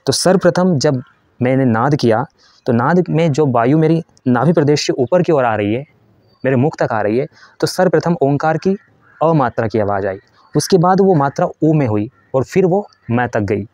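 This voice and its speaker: Speaking in a mid-range, a little mellow voice with no room sound, this spiritual teacher is animated and keeps a moderate pace. His lesson is patient and step by step; he asks and answers his own questions and demonstrates chanting.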